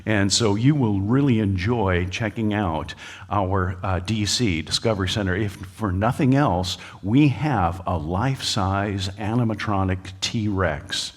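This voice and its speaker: The creationist speaker, an American, addresses a live crowd in a lecture hall, unhurried and low-voiced, while the room leaves a long reverb tail. His delivery is folksy and joking, full of filler uhs.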